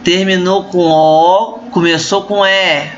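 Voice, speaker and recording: A woman's voice: lowish voice, fairly even intonation, slow, slight background noise. A woman with a Brazilian accent explains a literature lesson to her students in a recorded online class, often checking in with them as she goes. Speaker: literature teacher. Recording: muffled lo-fi recording.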